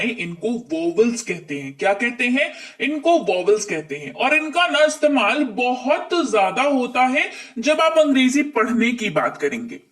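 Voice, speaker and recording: A man with a high voice teaches a spelling class. He keeps repeating words and asks quick questions back to his viewers. He sounds a little distant from the mic. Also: fairly bright tone. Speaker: English teacher. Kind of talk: online spelling lesson.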